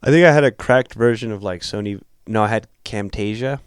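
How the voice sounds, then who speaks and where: Laid-back young man with low voice. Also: a little fast, smooth, no room sound, studio quality. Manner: laid-back, swears casually. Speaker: podcast co-host. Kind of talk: casual podcast chat.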